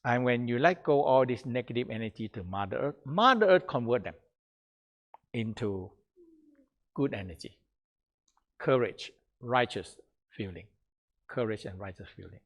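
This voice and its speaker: In a lo-fi recording, a man with a medium-pitched voice guides a Taoist breathing exercise and teaches as he goes. He is slow, calm and repetitive, chanting phrases that drop and often trail off softly at the end.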